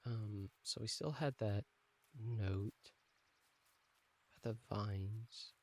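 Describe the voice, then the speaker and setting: A man giving casual, quiet gameplay commentary, thinking aloud as he plays. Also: on the low side, very slow. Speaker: gameplay host.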